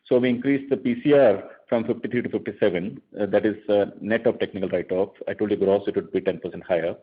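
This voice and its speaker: A man's voice: lowish voice, fairly even intonation, fast talker. A man with an Indian accent, a bank executive explaining figures conversationally on a conference call, often rephrasing as he goes. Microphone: phone conference line. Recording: thin phone-line conference audio.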